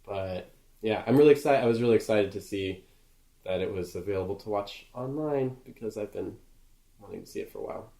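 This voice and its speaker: A young man co-hosting a casual movie podcast, relaxed and quick to laugh. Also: fairly low pitch, vocal fry, echoey room. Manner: relaxed, laughs easily, agreeable. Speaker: podcast co-host.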